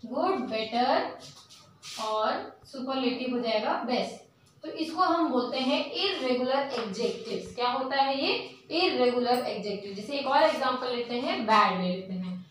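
A woman teaching English grammar in an online lesson, switching between Hindi and English, reading rules out slowly and asking and answering her own questions. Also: high voice, lively intonation, fairly bright tone, very echoey, far from the mic, a little hiss or hum, poor audio.

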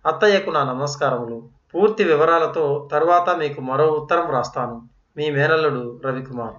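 A man's voice: fairly high pitch, normal speed, a bit bright, far from the mic, lightly acted. A man voicing an earnest, polite young student. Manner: respectful, earnest and restrained. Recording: roomy, dull lo-fi.

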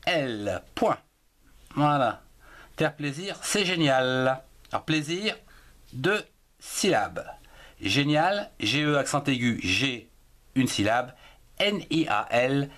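A man's voice: medium pitch, fairly bright tone. A man teaching a French writing lesson for young children, spelling words out letter by letter and syllable by syllable.

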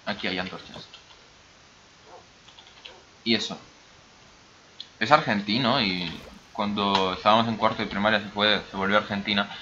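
Commenting casually on his game, the Basque YouTuber speaks in a lowish voice at a moderate pace, his intonation fairly even and his pauses frequent. His accent mixes Basque and Brazilian Spanish, he rambles and talks to himself, and the dull audio carries background noise.

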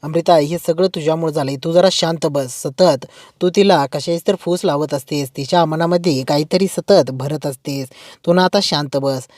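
A woman's voice: sits low, moderate pace, a little mellow, no echo, studio quality, lightly acted. A woman voicing a worried mother who defends her daughter. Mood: defensive. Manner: pleading, defensive. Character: anxious protective mother.

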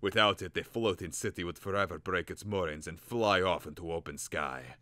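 A man's voice: low voice, normal speed, pushed and bright, no room sound. A man doing a grave, declaiming old professor. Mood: solemn. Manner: solemn, declaiming.

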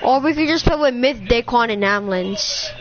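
A woman streaming a video game who chats loudly and playfully, teasing a teammate over a headset. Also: a little high, expressive, normal speed, highs cut off. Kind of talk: casual gaming stream chat.

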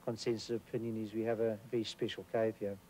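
Middle-aged male expedition leader, outdoor interview, low flat delivery, faint hum behind. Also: quick pace, low-quality recording. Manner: hesitant, with fillers, gestures while talking. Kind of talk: casual on-camera interview. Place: outdoors at a cave entrance.

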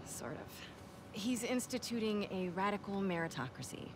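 A woman's voice: mid-range voice, animated, normal speed, crowd noise, natural voice. An actress playing a determined young female newspaper reporter in naturalistic video game dialogue. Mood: sympathetic, concerned. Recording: game audio with noisy ambience behind.

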